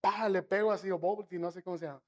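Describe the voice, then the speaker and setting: Earnest Mexican pastor, high-pitched voice. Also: male voice, fairly even intonation. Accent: northern Mexican. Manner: storytelling with asides to the congregation; slows and softens to stress key phrases. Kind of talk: sermon.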